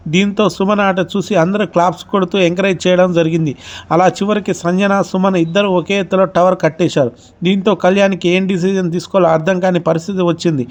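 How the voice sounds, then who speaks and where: A man with a fairly high voice retells a reality show's latest events. His narration runs in a steady recap style, lightly formal, with occasional small slips as he moves from one incident to the next.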